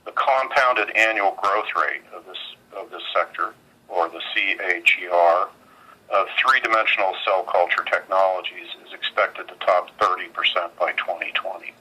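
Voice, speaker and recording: A man presenting a scripted business update to investors on a phone conference call, formal and measured. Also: low-pitched, pushed and bright, slightly rough, low-quality recording. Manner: formal, measured phrase-by-phrase reading. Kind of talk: scripted earnings call presentation, read aloud. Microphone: telephone conference call.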